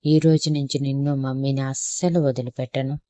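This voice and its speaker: A woman's voice: rumbling low, flat delivery, normal speed, dark tone, dry recording. A woman reading the lines of a young father who talks in a coaxing, soothing way. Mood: playful. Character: young father, tender, stubborn man.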